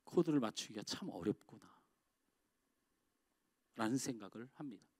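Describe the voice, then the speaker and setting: A middle-aged man preaching a sermon as pastor in a church. He swings from loud, emphatic outbursts to quiet, confiding asides. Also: mid-range voice, expressive, moderate pace, breathy edge, no room sound. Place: church sanctuary.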